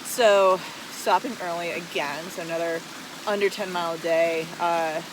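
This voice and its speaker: American hiker rambling casually into a vlog, mid-pitched voice, loud water rushing behind them. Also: steady tone, background noise. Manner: rambling, hesitant, frequent "like". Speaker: vlogger, long-distance hiker. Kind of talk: casual rambling video diary. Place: outdoors beside rushing waterfall.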